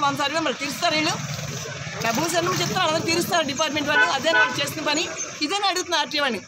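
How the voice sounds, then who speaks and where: A high-voiced woman speaks out angrily in the street, rattling off one indignant question after another at a very fast pace. The recording is buried in loud traffic and street noise. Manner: angry, indignant, rapid rhetorical questions. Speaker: women's association president speaking to media. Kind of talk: street interview.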